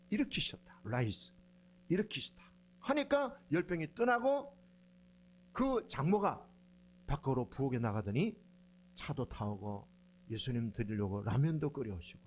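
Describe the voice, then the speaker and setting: A middle-aged male pastor, voice a little high, preaches a sermon full of animated stories, acting out quoted lines in dialect. There's a slight hiss or hum.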